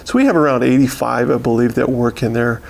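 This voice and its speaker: Gravelly American man, steady and halting. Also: medium pitch. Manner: steady, halting delivery with many pauses and repeated words. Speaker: county sheriff giving a year-in-review. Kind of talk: unscripted interview talk.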